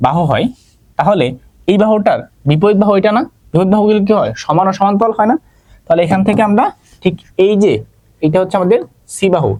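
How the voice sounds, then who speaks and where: Chatty Bangladeshi math teacher, dry close mic. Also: male voice, sits high, a little mellow, dry recording. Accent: Bangladeshi Bengali. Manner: checks in constantly with "ঠিক আছে?", asks and answers own questions; jokes with students by name. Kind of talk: online class lecture.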